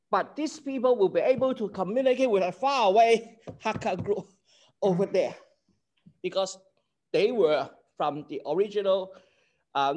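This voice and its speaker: In a high voice with a darkish tone, an older man from Hong Kong lectures his online class via video call. A native Cantonese speaker with a Hong Kong accent, he is earnest and explanatory, checking in with "okay?"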